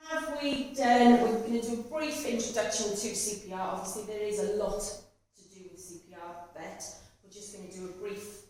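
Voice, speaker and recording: A woman's voice: medium pitch, darkish tone. Woman instructing in a very echoey room. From Cardiff, Wales. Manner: instructional, repeats learners' answers back. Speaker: first aid instructor. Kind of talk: practical demonstration with questions to learners. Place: echoey indoor training room. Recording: very echoey room, distant mic, faint noise.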